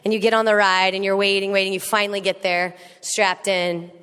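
A woman giving a comedic talk to a live audience, animated and teasing, acting out quoted voices. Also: mid-range voice, a little fast, smooth. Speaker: speaker. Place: large hall with an audience. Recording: echoey hall with faint noise.

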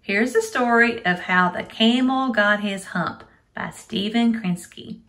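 A middle-aged woman kindergarten teacher giving a children's reading lesson in an animated, simply questioning way, as if reading to a toddler. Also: fairly high pitch, a little slow. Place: small room at home, indoors.

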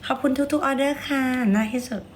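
A hoarse woman with a raspy voice, chatting playfully and coaxing viewers while selling on a livestream. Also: sits high, fairly even intonation, fast, slight background noise. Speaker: livestream seller. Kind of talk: casual livestream chat.

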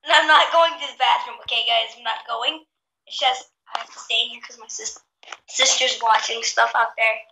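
A woman's voice: on the high side, steady tone, normal speed, creaky. A woman chatting casually to her viewers while gaming, recorded in a small bathroom that echoes. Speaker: gaming channel host. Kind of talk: casual game chat. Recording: echoey bathroom, faint noise.

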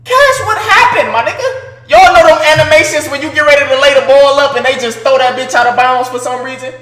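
A man's voice: extremely high pitch, little pitch movement, quick pace, a bit bright, roomy sound. A young man chatting casually on a livestream in slang, incredulous and repeating his phrases. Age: young adult. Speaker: game streamer. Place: indoor streaming room at a gaming chair.

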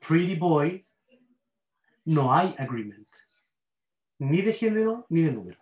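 A man's voice: a little high, sing-song, slow pace, a little mellow, reverberant, rough recording. A man with a Chilean accent teaching a university grammar class online. He explains by repeating examples and checks in with his students. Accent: Chilean Spanish.

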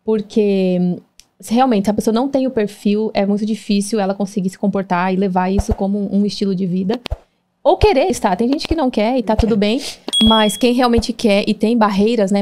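Uma mulher brasileira apresentando um podcast em conversa casual, fazendo perguntas às convidadas de forma animada. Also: female voice, mid-range voice, fairly quick. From Brazil. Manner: lively, conversational, leading questions. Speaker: podcast host. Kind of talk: casual interview chat.

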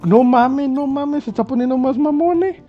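A man doing loud, excitable let's play commentary, swearing and yelping often. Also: very high voice, normal speed, muffled recording. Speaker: gamer playing on video.

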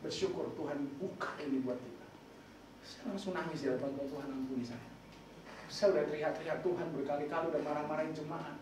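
A male pastor preaches with a high voice, teasing his congregation with quick questions. He sounds distant from the mic, and the church hall rings with heavy echo. A faint hum of ambience sits behind him. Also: fairly even intonation. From Indonesia. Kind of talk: sermon. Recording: echoey hall, far from the mic.

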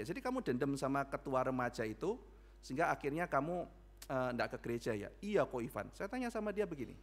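A male pastor preaching a sermon in church, telling stories and acting out both sides of the dialogue. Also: fairly high pitch. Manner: animated storytelling with acted dialogue. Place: church sanctuary.

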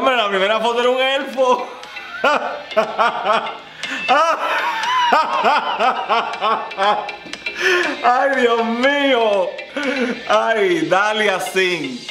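A man giving playful, bawdy reaction commentary as a drag queen, laughing often and swinging between high squeals and low purrs. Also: big pitch swings, extremely slow, reverberant, over music.

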